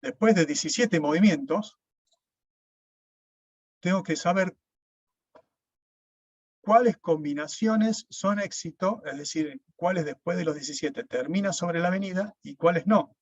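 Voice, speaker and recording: A man's voice: high-pitched, measured pace, pauses often, husky, dry recording. A man, lecturing an online class, explaining step by step and often checking with "¿sí?". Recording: dull, dry lo-fi sound.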